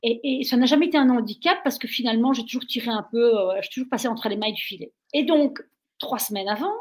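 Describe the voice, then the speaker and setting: A woman's voice: fairly high pitch, fast talker. A woman from Belgium, a guest in an interview, telling stories with lots of energy and getting carried away as she talks. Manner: energetic, gets carried away when talking. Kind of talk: animated storytelling.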